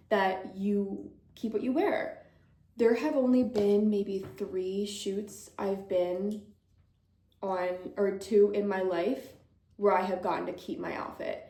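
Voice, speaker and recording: A woman's voice: medium pitch, a little mellow. A young woman in her twenties, a model answering viewer questions in a bubbly, chatty way, laughing often and a little out of breath. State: slightly out of breath. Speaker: model and vlogger. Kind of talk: casual Q&A chat to camera. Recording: roomy echo.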